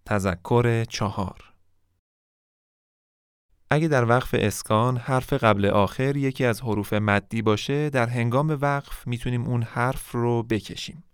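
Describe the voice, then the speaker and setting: Male lesson narrator, smooth and close, dead-dry sound, measured delivery that drags out example words. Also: medium pitch, no echo. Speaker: Quran recitation teacher. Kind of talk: scripted instructional narration.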